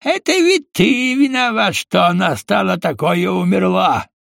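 A man's voice: high voice, animated, a little slow, creaky, a bit bright, dry recording, clean studio sound, pitched above the performer's own voice, heavily acted. A man voicing a sadistic, grinning male villain who taunts gleefully in an audiobook. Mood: gleeful taunting.

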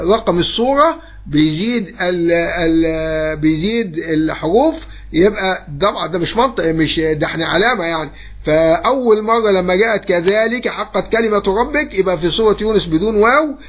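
This recorded online lesson features a man teaching Quran memorization in an Egyptian Arabic accent, his high-pitched voice muffled by the recording. He asks and answers his own questions, explaining patiently and repeating himself with stretched-out fillers.

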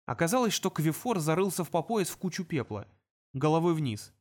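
A man's voice: on the high side, a little fast. Man narrating a storybook. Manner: even, storytelling delivery. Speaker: audiobook narrator. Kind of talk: scripted narration.

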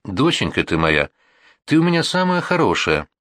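A man voicing a tender, tearful middle-aged mother in an audiobook, soft and consoling. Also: medium pitch, huge pitch swings, normal speed, no room sound, pitched above the performer's own voice. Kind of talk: audiobook reading.

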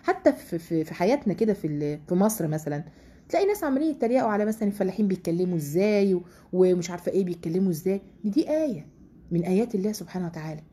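A woman with an Egyptian accent teaching a casual Quran study lesson to women, talking in a chatty way full of rhetorical questions and slowing down to recite verses. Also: fairly low pitch, animated, mellow, slightly rough. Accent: Egyptian Arabic.

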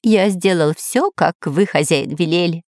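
A woman voicing an anxious, excitable male parrot servant in a storybook reading, making excuses. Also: lowish voice, a little slow, no echo, clean studio sound, natural voice. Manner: fussy, justifying himself.

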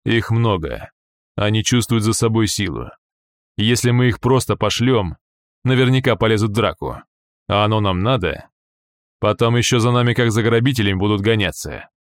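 A man voicing a calm, measured male team leader in an audiobook. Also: on the low side, no echo, studio quality.

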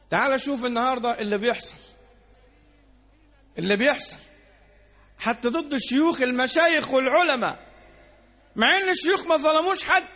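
A man with an Egyptian accent preaching a Friday sermon, emphatic, with repeated rhetorical questions and loud bursts. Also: very high-pitched. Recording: dull lo-fi recording.

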